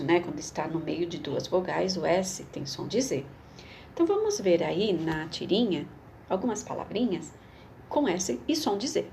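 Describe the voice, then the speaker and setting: Reading from a schoolbook for small children, a woman teacher explains the material slowly and patiently, repeating words as she goes. Her voice is fairly low and a little mellow, with slight hiss or hum in the background.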